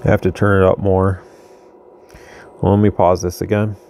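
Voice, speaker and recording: At his workbench in a home radio room, a radio reviewer gives a casual product demo, relaxed and thinking aloud, with some restarts. His voice is low, creaky, and moderately paced, with a little hiss or hum in the audio.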